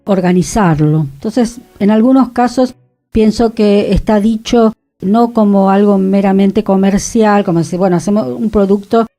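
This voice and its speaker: Soft music plays behind this radio co-host as she talks at a normal speed in a mellow, mid-range voice. The setting is a studio for a cultural talk show, where her manner is reflective and chatty with the occasional laugh.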